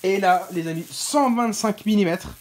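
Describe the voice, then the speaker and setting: Woman host, casual unboxing chat, halting delivery full of fillers and corrections, addresses viewers directly. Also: medium pitch, darkish tone. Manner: hesitant, many fillers and self-corrections; informal, talks straight to viewers. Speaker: fireworks channel host.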